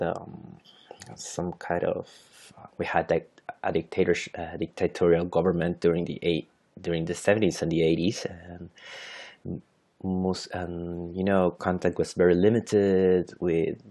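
His voice sits low, with a creaky, warm quality. The host, a native Spanish speaker from Chile in his thirties, talks alone on an unscripted English podcast with a Chilean accent, faltering through fillers and self-corrections.

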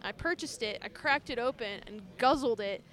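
A woman in her twenties, a convention guest, chatting casually with deadpan jokes. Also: fairly high pitch. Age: 20s. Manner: playful, deadpan jokes, quick laughs. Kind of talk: casual chat.

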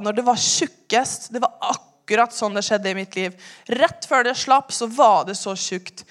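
A young woman giving a personal testimony in church, telling her story earnestly and often dropping to a hushed voice. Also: on the high side.

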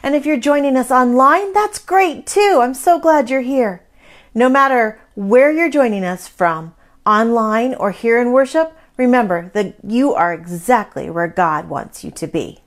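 Upbeat, animated woman teaching children. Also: a little high, a little slow. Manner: earnest, upbeat, schoolteacher-like address to children. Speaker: children's ministry leader. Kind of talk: children's lesson in a church service.

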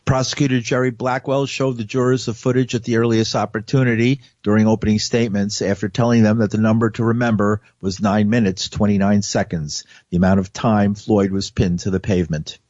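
A man reads a news report in a measured, even voice. The sound is very dry and slightly dull, with no room around it. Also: lowish voice, dry recording. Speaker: news narrator. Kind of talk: scripted news narration.

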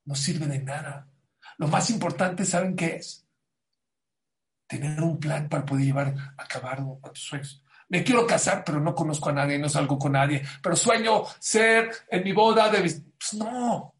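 A man giving a Torah class as a sermon, animated and preacherly, rising to loud emphatic bursts. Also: high-pitched.

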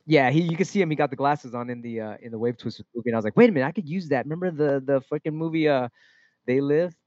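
A man, a music producer, talking in a casual interview, halting and swearing freely as he explains his tracks. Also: medium pitch, darkish tone, dry recording, lo-fi sound.

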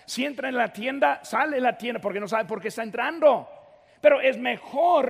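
Pastor, middle-aged man, high gravelly voice, emphatic sermon delivery, long reverb of a church hall. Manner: preaching with rising emphasis and direct address to the congregation.

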